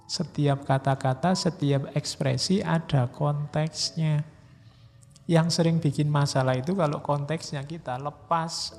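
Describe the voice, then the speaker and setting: A man with a Javanese accent giving a relaxed, conversational philosophy lecture, slowing down for emphasis. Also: fairly high pitch. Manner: relaxed, conversational, with mock quotes and slow emphasis. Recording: hall reverb with faint music.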